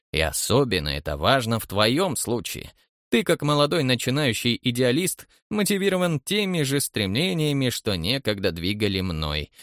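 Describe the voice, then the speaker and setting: A man's voice: mid-range voice, fairly bright tone, no echo, clean studio sound. A man voicing a pompous elderly director of a large agency who speaks in lofty, grandiloquent phrases. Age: older. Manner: grandiloquent, then pleading and flustered.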